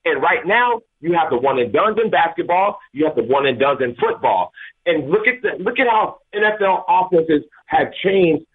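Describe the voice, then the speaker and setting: A man's voice: fairly high pitch, sing-song, normal speed, slightly rough. A man from Atlanta calling a sports radio show on a phone line over speakerphone, rambling and restarting his sentences. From Atlanta, USA. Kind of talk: call-in sports talk. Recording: tinny speakerphone call line.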